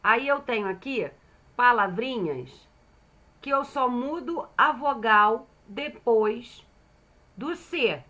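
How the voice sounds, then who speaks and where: A woman's voice: fairly high pitch, expressive, bright, forceful tone. A woman with a Brazilian Portuguese accent teaching young children phonics, patiently sounding out syllables and checking in with them. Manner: slow and patient, sounding out syllables, frequent "certo?" check-ins. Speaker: primary school teacher.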